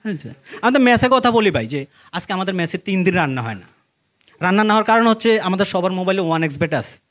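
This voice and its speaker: Male stand-up comic, Bangladeshi accent, high register, quick chatty storytelling, live crowd laughter, slight background noise. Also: expressive, fairly bright tone. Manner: conversational storytelling, addressing the audience and acting out dialogue. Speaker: stand-up comedian. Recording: live stage recording with faint noise.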